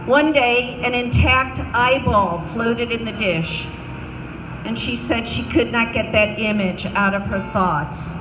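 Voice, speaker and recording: A woman delivering a prepared memorial speech as a public speaker, telling accounts in a solemn, deliberate manner, recorded in a roomy space. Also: a little high, muffled recording. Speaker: public speaker, anti-abortion counselor. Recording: roomy, distant mic, noisy ambience.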